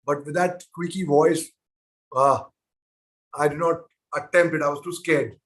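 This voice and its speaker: High-voiced man teasing kids on a video call. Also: fairly even intonation, unhurried, a bit bright. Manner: playful, teasing, talks directly to the kids. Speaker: guest answering children's questions. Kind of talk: playful webinar Q&A with children.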